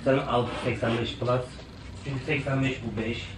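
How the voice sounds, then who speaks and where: Husband talking far off in a noisy echoey room. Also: male voice, medium pitch, fairly even intonation, normal speed. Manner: speaks simple broken Turkish and English to family. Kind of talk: casual family talk.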